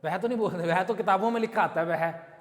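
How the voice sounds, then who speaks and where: A man with an Indian accent teaches English to a live class, explaining in Hindi and quoting example sentences. He checks with his students often, in a slightly high voice. The recording carries a long room reverb from the classroom. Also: fast. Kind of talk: classroom lesson. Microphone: camera recording the class.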